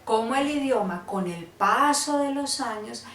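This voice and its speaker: A woman's voice: on the high side, expressive, measured pace, fairly bright tone, distant mic, slight background noise. A woman from Colombia with a Cali accent, teaching a lesson in a chatty way and checking in with her listeners. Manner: chatty, asks "¿sí?" to check understanding. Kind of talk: explanatory lesson. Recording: roomy, off-mic, faint ambience.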